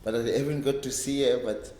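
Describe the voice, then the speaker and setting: This South African interview guest, a reggae bass player in his fifties from a Cape Town township, reminisces in a halting, rambling way, repeating words. His mid-range voice is steady and a little mellow. The library room sounds roomy and echoey, with a little hiss or hum.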